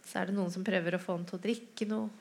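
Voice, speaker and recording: Woman preacher telling the story in a sermon, talks right to the listeners, mid-pitched voice. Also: fairly even intonation, creaky, slight background noise. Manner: storytelling, lifts voice to act out quoted lines; asides to the listeners. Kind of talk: sermon retelling a scripture story.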